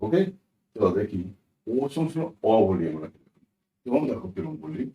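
Distant man teaching spelling slowly. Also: mid-range voice, big pitch swings, warm tone, roomy sound. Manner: repeats words slowly, asks "right?" often. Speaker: English pronunciation teacher. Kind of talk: explaining a lesson, spelling out words.

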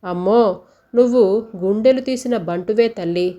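A woman's voice: mid-range voice, moderate pace, dark tone, muffled recording, natural voice. A woman voicing a furious, coarse middle-aged village mother who scolds and curses shrilly.

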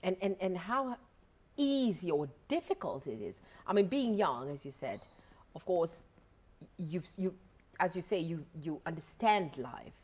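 A middle-aged woman hosting a television studio interview, asking questions in a halting way with frequent restarts, on a lapel mic. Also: fairly low pitch, very animated, a little mellow. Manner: halting, many restarts and fillers. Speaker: TV host. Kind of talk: studio interview, switching languages. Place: TV studio, indoors.

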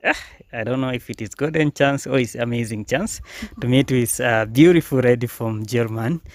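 A man's voice: mid-range voice, moderate pace, dry recording. A young man hosting an interview outdoors in a garden, asking questions with frequent fillers into a handheld phone. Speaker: interviewer, channel host. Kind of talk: casual interview.

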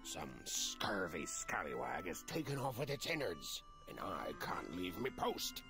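An actor playing a gruff old fisherman and harbor master in a video game, salty but kindly, with a theatrical pirate sailor accent. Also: low-pitched, sing-song, a little slow, exaggerated voice. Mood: aggrieved. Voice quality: gruff, gravelly. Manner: hearty seafaring talk. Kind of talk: video game character acting. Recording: game music playing loudly behind.

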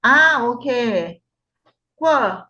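Thai lady tutor sounding out words super slow, bright voice, dull lo-fi sound. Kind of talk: phonics lesson. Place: home tutoring room. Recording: dull lo-fi recording.

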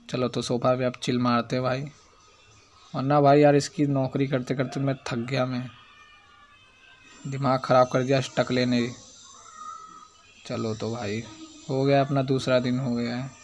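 A young man giving casual, excitable gameplay commentary, chatting in slang and scolding the game's baby character. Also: medium pitch, normal speed, long pauses, slight background noise. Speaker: gaming YouTuber.

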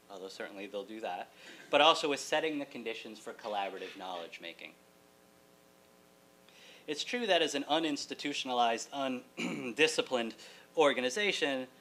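A middle-aged college writing teacher delivers his prepared keynote from a lecture hall podium in an articulate, wry manner, with humorous asides. His mid-range voice carries a fairly bright tone. Hum and room noise are audible on the recording from a distant camera.

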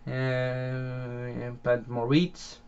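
A man's voice: mid-range voice, monotone, extremely slow, darkish tone, clean tone, lo-fi sound. Rambling Dutch-accented young man gaming. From Netherlands. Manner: rambling, many fillers and restarts, chuckles often. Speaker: gaming channel host. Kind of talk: casual gameplay commentary. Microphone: home microphone.

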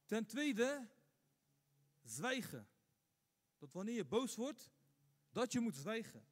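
High-voiced man preaching in reverberant mosque. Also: big pitch swings, takes it slowly. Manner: rhetorical questions, emphatic repetition. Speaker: imam. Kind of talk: Friday sermon. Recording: long hall reverb.

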